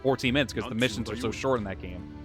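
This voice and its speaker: A man chatting casually with his viewers during a live game stream, rambling and a little hoarse as he loses his voice. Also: mid-range voice, fast. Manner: rambling, talks to chat while playing. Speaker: livestreamer. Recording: game music behind the voice.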